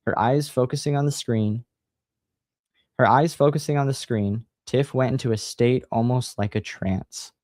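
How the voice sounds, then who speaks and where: A man hosting a livestream, chatting casually and reading a horror book aloud in a relaxed, sighing manner. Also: on the low side, no room sound, clean studio sound. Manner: relaxed, sighing, laid-back.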